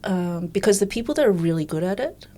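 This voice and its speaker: A recruitment coach in her fifties speaks candidly as a podcast guest, storytelling conversationally and acting out the remarks she quotes. Her medium-pitched voice is mellow and fast, with lively intonation.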